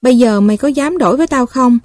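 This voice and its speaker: A cocky young street boy with a Southern Vietnamese accent, as a woman reads him, bossing and bragging in blunt slang. The voice sits a little high and sounds mellow and dry. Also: fast talker, no echo, lightly acted. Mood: bossy. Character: scrappy, boastful young male street kid.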